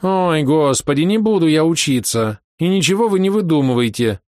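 A man's voice: fairly high pitch, lively intonation, normal speed, a little mellow, dry recording, clean studio sound, voice pushed up, natural voice. A man doing a capricious, whiny young woman.

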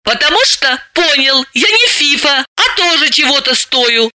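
A man voicing an excitable, touchy young woman who talks in high, indignant exclamations. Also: measured pace, exaggerated voice. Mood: defensive.

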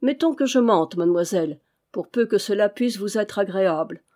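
A woman voicing a cynical male valet and hired killer, smooth, insolent and coolly ironic, in an audiobook reading. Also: mid-range voice, expressive, normal speed, warm tone, close to an everyday voice. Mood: menacing.

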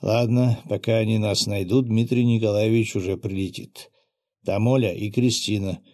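Male reader voicing a hushed, cautious soldier with a dark voice. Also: fairly low pitch, steady tone, normal speed, close to an everyday voice. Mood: worried. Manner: quiet, hesitant.

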